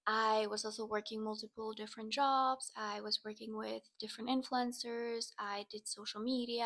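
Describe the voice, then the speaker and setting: A woman, talking in a relaxed, chatty way in a casual personal vlog and sometimes drifting into soft, breathy asides. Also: a little high. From Finland. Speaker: vlogger.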